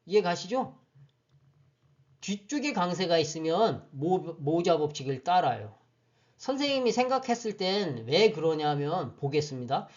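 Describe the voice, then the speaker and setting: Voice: mid-range voice, animated, measured pace, a little mellow, muffled recording. A teacher giving an online grammar lecture, explaining step by step and often checking whether listeners follow. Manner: patient, explanatory, often checks understanding with questions.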